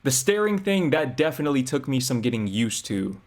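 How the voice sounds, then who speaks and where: A man's voice: mid-range voice, big pitch swings. Young American man, casual reaction host, reflective chatter. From United States. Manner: chatty, reflective, drawn-out emphasis. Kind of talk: casual commentary.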